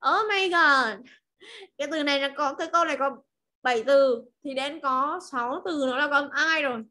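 A woman from Vietnam with a Vietnamese accent, teaching English pronunciation over a video call, modelling words slowly and clearly before explaining them. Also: sits high, sharp tone. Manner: slow drilled modelling of words, then quick explanations. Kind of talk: online class teaching.

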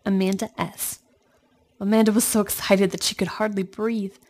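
A woman reading a children's storybook aloud in an expressive storytelling manner, speaking to young listeners. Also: mid-range voice, brisk. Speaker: storybook reader.

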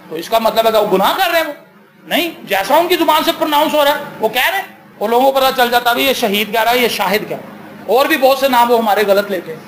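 A man's voice: extremely high pitch, a bit bright, a little hiss or hum. A man with a Pakistani accent preaching as pastor, building to emphatic, rising bursts and slipping into Punjabi for quoted talk. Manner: slips into Punjabi for quoted dialogue. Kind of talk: sermon.

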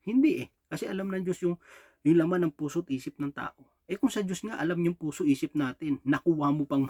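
High-voiced Filipino preacher, dry sound. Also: male voice, dark tone, no room sound. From Philippines. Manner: rhetorical "di ba?" and "no?" checks with the congregation, frequent chuckles. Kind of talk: Taglish sermon.

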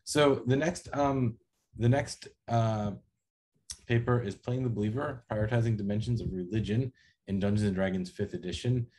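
A man in his thirties hosts an online conference session, introducing a speaker over a video call with the microphone close to his computer. His voice is fairly low and darkish, at a normal speed.

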